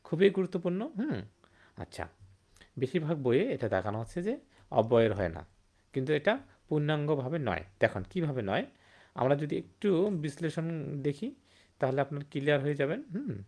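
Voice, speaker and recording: A man's voice: on the high side, lively intonation, fairly quick, pauses often, darkish tone. Man teaching grammar, quizzing listeners. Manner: rhetorical questions with "hum?" and "thik na?"; repeats and stresses key words. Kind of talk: online Bengali grammar lesson.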